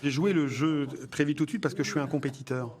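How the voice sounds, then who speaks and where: A man's voice: a little high, quick pace, darkish tone. A man, a job candidate on a TV show, boastful and sure of himself. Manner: boastful, self-assured. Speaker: job candidate in a televised recruitment exercise.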